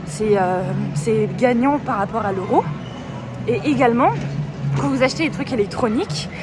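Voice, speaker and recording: A young woman from France talking casually to her phone camera while out and about, rambling through stories with casual swearing. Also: a little high. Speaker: vlogger. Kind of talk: casual travel vlog. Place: out and about in streets and a station. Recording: noisy background with traffic.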